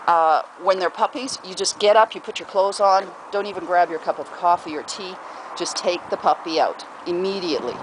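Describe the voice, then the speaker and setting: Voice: mid-range voice, brisk. Rambling pet owner, noisy home recording. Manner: rambling, many fillers and restarts, breaks off to coo at pets. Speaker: pet owner giving puppy training tips. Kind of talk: casual vlog advice. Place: at home with pets around.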